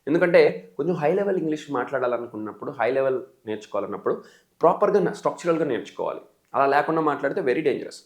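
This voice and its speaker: Lively man teaching in an echoey room. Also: a little high, fast. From Telugu states of India. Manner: animated, addresses viewers as friend, mimics learners' errors. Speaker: English teacher. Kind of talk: exam-coaching lecture.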